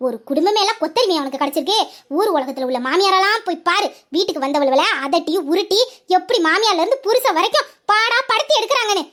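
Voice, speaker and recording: A woman's voice: very high voice, expressive, fast, fairly bright tone. A woman voicing a patient, wry young mother who coaxes her son.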